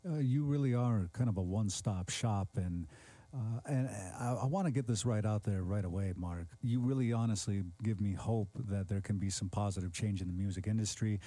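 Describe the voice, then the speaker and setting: A man's voice: lowish voice, brisk, dark tone, dry recording. A man hosting a radio show, interviewing a guest in an earnest, rambling way with many fillers.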